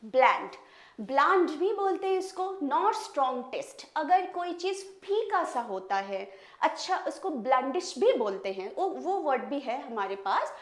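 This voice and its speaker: A woman from India with an Indian English accent, teaching vocabulary in a bilingual lesson and repeating words slowly to model their pronunciation. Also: sits high, very animated. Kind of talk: bilingual classroom lesson, explaining word meanings. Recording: echoey room.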